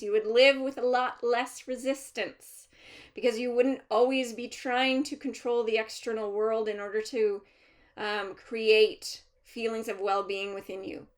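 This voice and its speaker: High-voiced woman as a seance medium channeling healer spirits. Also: a bit bright. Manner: speaks as "we", deliberate, formal phrasing with pauses. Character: collective of non-human master healer spirits, calm and instructive. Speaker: trance channeler.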